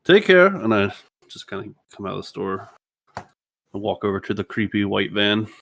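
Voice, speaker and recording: Low-voiced playful man role-playing. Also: monotone, moderate pace, gravelly, fairly bright tone, no room sound. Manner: playful, laughs often. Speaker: tabletop game player. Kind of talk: in-character role-play.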